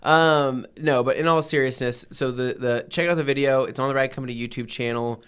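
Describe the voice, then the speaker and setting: Man in his thirties, podcast host, relaxed rambling chat, middle pitch. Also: brisk, smooth. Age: 30s. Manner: laid-back, rambling with fillers.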